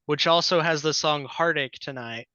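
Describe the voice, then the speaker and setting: A man's voice: fairly high pitch, moderate pace, pushed and bright, dry recording, muffled recording. A man on a podcast panel, chatting casually and telling an upbeat story.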